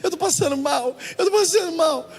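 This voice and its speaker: A preacher voicing his young wife in a shrill, pleading voice as she insists again and again that she will not travel. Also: fairly quick, faint music behind. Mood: distressed. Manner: repeats herself insistently.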